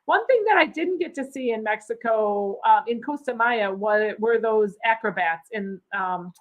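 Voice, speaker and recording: A woman's voice: a little high, expressive, normal speed, low-quality recording. A woman hosting a casual cruise chat, reading out viewer comments in a bubbly, chatty way and laughing easily. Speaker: cruise vlogger host.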